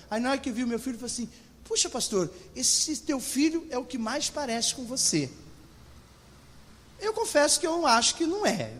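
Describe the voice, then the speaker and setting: A middle-aged man, preaching a sermon as pastor and speaking directly to his congregation. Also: very high-pitched. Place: church hall. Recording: long church reverb.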